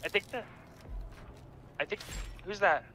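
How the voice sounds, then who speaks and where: A man talking with friends over an online game in easygoing chat. His voice is bright and a little high. Faint noise and keyboard clicks sit behind him. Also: a little slow. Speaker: fellow player. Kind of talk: casual gaming chat.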